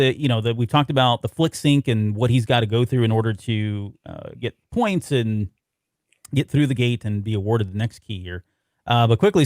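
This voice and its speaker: A man's voice: medium pitch, no echo, clean studio sound. Laughing man rambling through memories. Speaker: podcast co-host. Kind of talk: casual chat about a novel.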